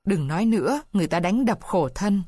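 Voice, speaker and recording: A weak peasant husband, tied up and trembling, read by a woman narrator. He urges his wife softly and earnestly. The voice is close and dry. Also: medium pitch, animated, fairly quick, no echo, lightly acted. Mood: gentle. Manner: soft, urging. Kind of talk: storybook reading.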